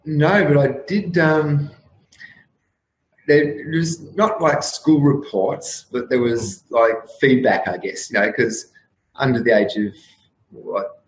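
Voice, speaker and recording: A man's voice: mid-range voice, steady tone, slow, reverberant, slight background noise, rough recording. A man in his fifties who grew up in Singapore, Ireland and Australia, talking as an interview guest in a reflective, rambling way with frequent fillers. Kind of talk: casual conversational interview.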